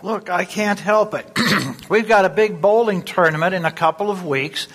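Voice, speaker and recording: A man's voice: sits high, normal speed, a bit bright. A man playing a blustery, bossy grandfather in an amateur church skit. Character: gruff grandfather who wants to go bowling.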